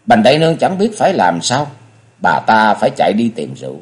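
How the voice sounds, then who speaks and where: A man's voice: lowish voice, wildly swooping pitch, fairly quick. A man narrating a martial-arts novel audiobook in a dramatic storytelling manner.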